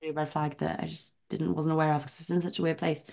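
A young woman from England talks as a podcast guest in a relaxed interview. She tells her story in an animated, chatty way, full of "like" fillers. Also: deep voice, fast talker, gravelly. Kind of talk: casual interview chat.

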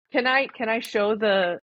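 A woman in an online debate whose call audio keeps breaking up, insistently repeating her question. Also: on the high side. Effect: audio breaking up on a weak internet connection. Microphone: video call. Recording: dull, muffled, dry call audio.

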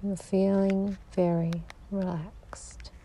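A woman guiding a sleep meditation in a slow, soothing voice that drifts into whispers. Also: medium pitch, flat delivery, dark tone. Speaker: sleep hypnosis guide.

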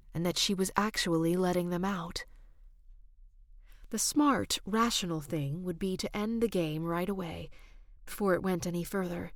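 A woman narrating an audiobook romance in a soft, intimate voice that drops to hushed whispers. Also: fairly low pitch, no echo, studio quality. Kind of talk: scripted narration.

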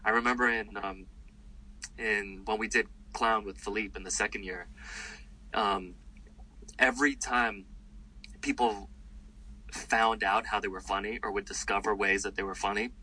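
A comedian guest in a casual interview rambles in an animated way, full of fillers and restarts, his voice fairly low and slightly rough. He talks at normal speed but pauses often. The recording quality is low.

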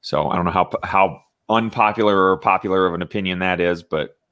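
Low-voiced man talking sports casually. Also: brisk, fairly bright tone, dry recording. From Indiana. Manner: conversational, many fillers and restarts. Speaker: podcast co-host.

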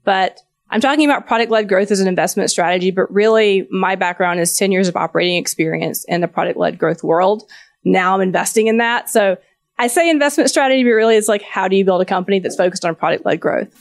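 A woman's voice: mid-range voice, quick pace, no echo, clean studio sound. A woman from Georgia with a Southern US accent gives an informal talk as a venture capital partner, chatty and conversational. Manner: chatty, informal, asks audience questions.

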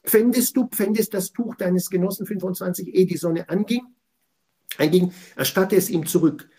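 A man giving a passionate weekly Torah commentary, swinging between quiet explanation and loud, indignant outbursts. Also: sits high, normal speed.

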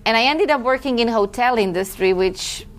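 A Croatian woman who directs a film festival is a guest in a relaxed conversational interview. She speaks at normal speed in a fairly high voice, reflective and chatty, correcting herself a few times.

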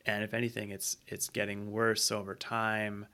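Podcast guest, male researcher, low pitch, clear resonant tone, hesitant casual delivery. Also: completely flat delivery, normal speed, sharp tone. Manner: hesitant, stammering starts. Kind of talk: casual conversation.

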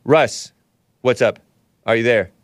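A man hosting a call-in show in a casual, low-key way with brief responses. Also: slow, dry recording, clean studio sound. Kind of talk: casual talk-show chat.

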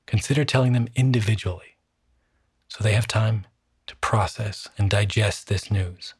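Male meditation guide: hushed and very breathy, lowish pitch, calm, soothing delivery, close dry sound. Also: moderate pace, dry recording. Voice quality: soft, breathy, husky.

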